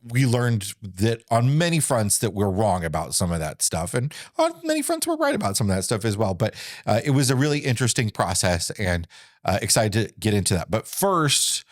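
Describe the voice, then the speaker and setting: Lively-voiced male podcast co-host. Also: on the low side, normal speed, no room sound, studio quality. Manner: chatty, self-deprecating, trailing restarts. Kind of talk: casual chat.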